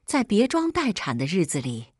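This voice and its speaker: Woman, story narrator, measured and even, close dry sound. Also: medium pitch, no room sound. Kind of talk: scripted narration of a first-person story.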